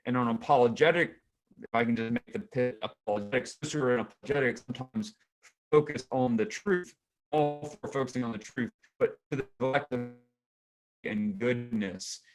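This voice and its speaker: A man of middling pitch answering on a video call, thoughtful and prone to restarting his sentences. His audio breaks up, with words chopped off mid-phrase as the internet connection cuts in and out. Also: moderate pace, rough recording. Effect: choppy internet audio cutting in and out, words clipped off. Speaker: author and guest speaker.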